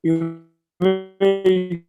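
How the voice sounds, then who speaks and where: A man's voice: sits high, flat delivery, drawn-out words, dull audio, loud music behind the voice. A man teaching patiently over an internet call whose audio keeps cutting out and dropping away. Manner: patient, teaching tone that asks for agreement. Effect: choppy audio cutting out over a weak internet call. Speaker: invited speaker in a discussion. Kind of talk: explanatory call discussion. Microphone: phone on an internet call.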